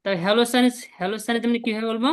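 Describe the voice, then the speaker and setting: A woman's voice: fairly high pitch, fairly even intonation, racing, a little hiss or hum, low-quality recording. A woman teaching a beginner language class, patiently repeating sounds and drilling her students.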